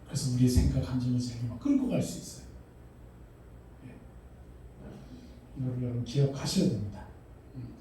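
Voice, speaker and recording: A middle-aged man preaching a sermon as a pastor, animated, asking his congregation questions and acting out voices. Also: mid-range voice, brisk, long pauses, a little hiss or hum. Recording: echoey hall, mic far off.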